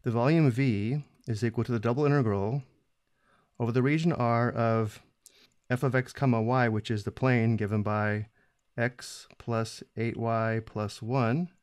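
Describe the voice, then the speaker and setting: Man, math teacher, calm steady walkthrough, mid-pitched voice, dry close recording. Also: a little slow, smooth, no echo. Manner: steady, methodical, step-by-step explaining. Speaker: math instructor. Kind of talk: screencast math lesson.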